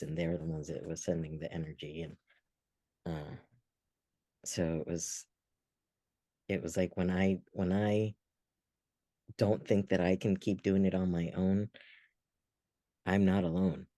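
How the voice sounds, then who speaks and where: A man's voice: low-pitched, steady tone, a little slow, pauses often, dark tone, no room sound. A man co-hosting a podcast, telling a personal story in an earnest, reflective way with frequent restarts. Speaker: podcast co-host. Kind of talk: casual podcast chat.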